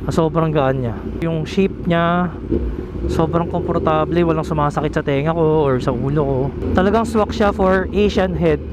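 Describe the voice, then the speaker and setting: A chatty young man with a Filipino accent talks to his viewers from inside a full-face helmet, sounding a little muffled. His voice sits a bit high for a man. Loud engine and wind noise roar behind him as he rides through the city. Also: moderate pace. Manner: chatty, enthusiastic, addresses viewers as guys. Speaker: motorcycle vlogger. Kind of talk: casual review vlog. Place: outdoors on a motorcycle in the city.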